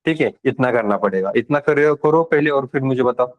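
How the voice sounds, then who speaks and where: A man leads a live programming lesson. He speaks at a middling pitch and addresses his students casually and directly, checking whether they are keeping up. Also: brisk, narrow, tinny audio. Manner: casual and direct with students, switching between Hindi and English terms. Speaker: programming instructor. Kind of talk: live classroom lecture.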